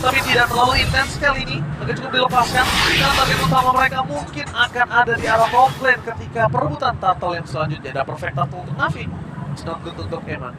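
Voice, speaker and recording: A man commentates an esports match in an excited play-by-play style, his voice pitched extremely high. He slips English phrases into his calls. Loud music and a big crowd sit behind him. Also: fast talker, rough recording. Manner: excited caster delivery, mixes English phrases into talk. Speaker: esports caster. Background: music and crowd noise.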